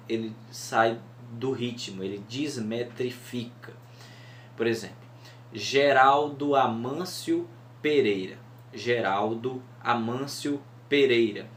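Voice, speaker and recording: A man with a Northeastern Brazilian accent teaching a lesson on cordel poetry, patiently explaining and slowly scanning verse syllables aloud. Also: medium pitch, a bit bright. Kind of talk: mini-course lesson. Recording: echoey room, faint hum.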